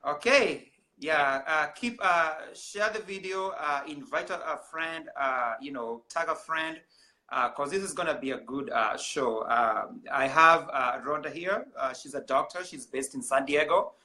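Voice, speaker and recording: A man with a Kenyan accent hosting a casual livestream interview, easygoing and halting, with frequent pauses. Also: fairly high pitch, bright, forceful tone. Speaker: host.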